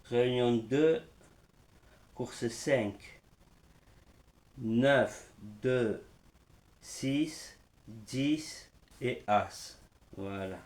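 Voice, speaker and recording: Slow, halting man giving racing tips. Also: medium pitch, darkish tone. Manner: slow, halting, repeats "voilà" often. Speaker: horse racing tipster. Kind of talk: casual live betting tips. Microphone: smartphone.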